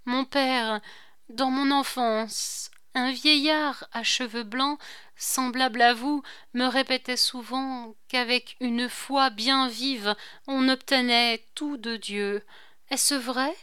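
A proud young noblewoman bursts out in a high, impassioned voice, as a woman reading a novel aloud puts her on. The tone is bright and very clear, with no room sound at all. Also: steady tone, slow pace, dry recording, clean studio sound, exaggerated voice. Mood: earnest. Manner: impassioned, raised voice.

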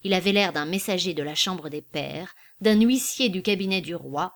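Woman, audiobook narrator, measured, clear, literary reading. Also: fairly low pitch. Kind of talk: scripted narration of a classic novel.

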